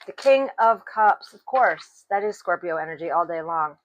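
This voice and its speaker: A woman giving a tarot reading, speaking slowly and deliberately and clearing her throat now and then. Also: on the low side, expressive, rough recording. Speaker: tarot reader.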